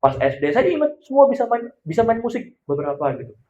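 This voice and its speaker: A man with a high voice preaches in a casual storytelling way, now loud, now quiet. His voice rings around a large church room, and the sound is a little dull and muffled. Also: very animated, quick pace, reverberant. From Indonesia. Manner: conversational storytelling, swinging between loud and soft. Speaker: pastor. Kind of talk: sermon. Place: church hall.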